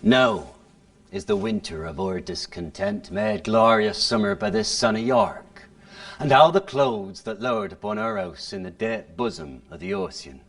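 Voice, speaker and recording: A man's voice: high voice, huge pitch swings, measured pace, gravelly, fairly bright tone, voice pushed up, exaggerated voice. Richard III as a man plays him, original pronunciation. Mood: sardonic. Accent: Shakespearean original pronunciation. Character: bitter, scheming misshapen male king. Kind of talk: Shakespearean stage monologue.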